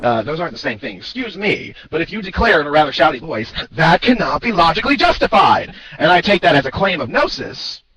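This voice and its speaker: Fast-talking, pedantic arguing man. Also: fairly high pitch, expressive, a bit bright, rough recording. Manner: rapid, pedantic, lecturing. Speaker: critic in a video debate. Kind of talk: argumentative rebuttal video.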